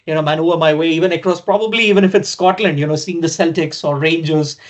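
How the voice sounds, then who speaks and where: A man's voice: fairly high pitch, steady tone, quick pace. A man from India hosting a podcast interview, speaking eagerly and filling his speech with "you know". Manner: eager, uses many "you know" fillers. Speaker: podcast host. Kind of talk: casual interview chat. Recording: dull lo-fi sound.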